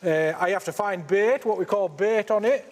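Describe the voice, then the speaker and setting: A man's voice: high-pitched, normal speed. A man with a Cumbrian accent explaining his work casually as a miner, plain-spoken and a little hesitant. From Cumbria, England. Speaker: slate miner and mine owner. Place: inside an underground slate mine. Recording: reverberant underground space.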